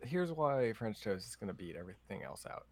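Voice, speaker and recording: A man's voice: lowish voice, big pitch swings, brisk, darkish tone. A man co-hosting a podcast in casual chat, telling little stories with a wry tone. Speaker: podcast co-host.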